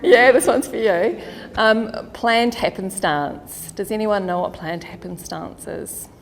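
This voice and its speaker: A woman's voice: mid-range voice, unhurried, gravelly, slight background noise. A woman with a New Zealand accent, a career counsellor giving a chatty workshop talk to an audience, laughing often. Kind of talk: informal workshop presentation. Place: meeting hall with audience. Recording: long hall reverb.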